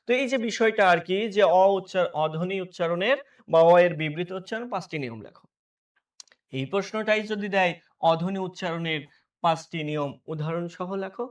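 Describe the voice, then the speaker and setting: A man teaches an exam-prep class in a high voice. He poses questions and answers them himself, checking in with students often. His voice sounds a little distant from the microphone.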